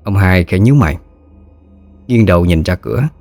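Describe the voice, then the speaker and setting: Brief: male ghost story narrator, very deep voice, faint music behind. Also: normal speed. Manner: steady storytelling.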